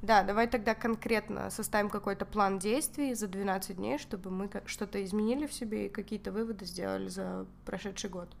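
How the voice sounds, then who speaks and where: Female podcast host with a medium-pitched voice, chatty and informal, quick to interject and joke. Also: fairly even intonation, gravelly, a little hiss or hum. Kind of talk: casual chat.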